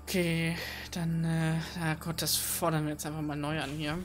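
A woman's voice: low-pitched, level tone, normal speed, a little hiss or hum. A woman commenting casually on her own gameplay at home, chatty and self-mocking, thinking aloud with many fillers. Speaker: let's play host. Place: home room at night. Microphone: desk microphone.

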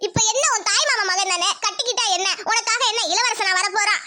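A woman voicing a nagging, stubborn old village grandmother in a cartoon, speaking a with a shrill voice. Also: fast, pushed and bright, exaggerated voice. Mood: grumbling.

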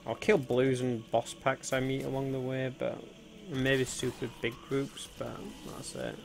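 A man's voice: mid-range voice, little pitch movement, a little slow, vocal fry, soft background music. A man hosting a casual let's-play, chatting to viewers as he plays, with frequent ums. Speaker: gaming video host. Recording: noticeable background noise.

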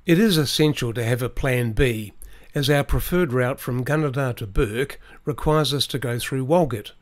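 A middle-aged male vlogger narrates a scripted voice-over about planning a trip. His mid-range voice is calm, measured and explanatory.

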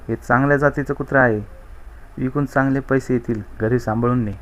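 A man reading a storybook and voicing a generous uncle who hands over a gift with careful instructions and a gentle warning. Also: mid-range voice, steady tone, brisk, natural voice. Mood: cautioning.

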